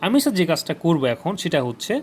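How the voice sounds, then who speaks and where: A man's voice: a little high, big pitch swings, very fast, slight background noise. A man teaching a lesson, speaking colloquially and asking questions, then repeating the answers himself. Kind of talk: explaining a lesson.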